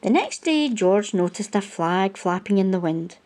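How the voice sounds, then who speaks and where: With a mellow, soft-edged voice at medium pitch, a woman reads a picture book to children as the host of storytime. She lingers over each sentence, her storyteller delivery rising and falling in a lively way.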